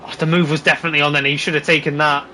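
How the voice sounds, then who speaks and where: A man doing live motorsport commentary, calling the race play by play in an excitable, exclaiming way. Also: on the high side, racing, a little hiss or hum. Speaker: motorsport commentator on a sim racing broadcast.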